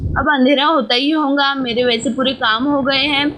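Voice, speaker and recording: A woman's voice: high-pitched, steady tone, moderate pace, heavy background noise, natural voice. A woman voicing a caring young village mother in a doll story. She talks in coaxing, motherly chatter.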